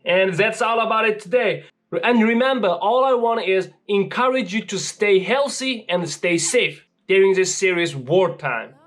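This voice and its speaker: Higher-pitched man with accented English. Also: unhurried, hardly any pauses, fairly bright tone. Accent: non-native English. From Uyghur region. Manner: earnest, encouraging. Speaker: vlogger recapping a fitness challenge. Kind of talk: vlog monologue to viewers. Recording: music behind the voice.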